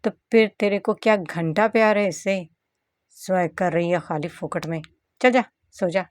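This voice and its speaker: A woman's voice: lowish voice, measured pace, no room sound, studio quality, lightly acted. A woman voicing a brash young gangster husband who talks in mocking street slang. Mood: teasing.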